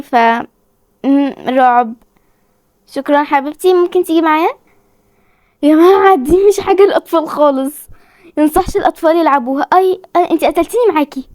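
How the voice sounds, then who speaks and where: High jumpy Egyptian woman gamer. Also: darkish tone, no room sound. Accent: Egyptian Arabic. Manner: jumpy, frightened, squealing and pleading. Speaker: gaming channel host. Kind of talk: casual horror game commentary.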